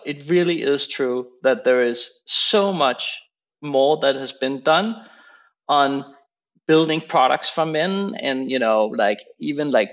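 A man's voice: mid-range voice, a bit bright. A man from Denmark, an investor on a panel call, casual and ending points with "right?". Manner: casual, tags remarks with "right?".

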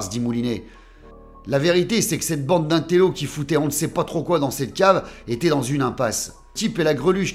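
Wry man narrating a crime story. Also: fairly high pitch. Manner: wry, coarse slang. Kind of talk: scripted narration of a detective story.

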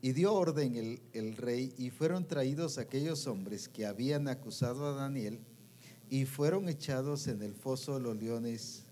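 A man preaching a sermon who reads scripture slowly and keeps asking the audience questions. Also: medium pitch, mellow, a little hiss or hum. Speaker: preacher at a women's discipleship meeting. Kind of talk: sermon with Bible reading.

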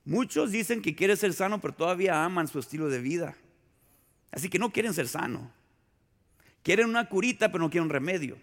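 A pastor preaching a sermon in a conversational, storytelling way, full of rhetorical questions and acted-out anecdotes. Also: male voice, sits high, fairly bright tone. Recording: long hall reverb.

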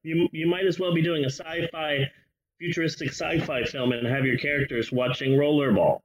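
A man's voice: a little high, moderate pace. A man hosting a casual movie review chat, ranting and swearing freely. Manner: animated, profane, ranting. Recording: muffled lo-fi audio.

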